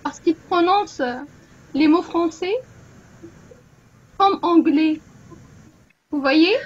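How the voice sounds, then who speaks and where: A woman hosting an online language club, slowly explaining and checking whether the group follows. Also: very high voice, highs cut off. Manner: slow, explanatory, asks the group questions. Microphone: video call.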